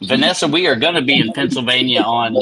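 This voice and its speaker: A man's voice: mid-range voice, fast, poor audio. A middle-aged man, joking and swearing freely in a casual group chat. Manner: profane, joking. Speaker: band member on a live stream. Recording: group room with loud background chatter.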